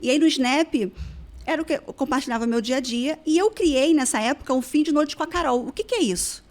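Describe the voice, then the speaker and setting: Woman from rio, talks super fast, kinda high voice, storytelling as a podcast guest. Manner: animated, acts out dialogue from her past. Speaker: guest, weight-loss therapist. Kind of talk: casual storytelling in a podcast interview.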